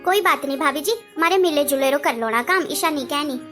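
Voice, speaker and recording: A woman playing a patient elder sister who keeps calming the others. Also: sits high, fairly quick, faint music behind. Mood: soothing. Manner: calming, placating.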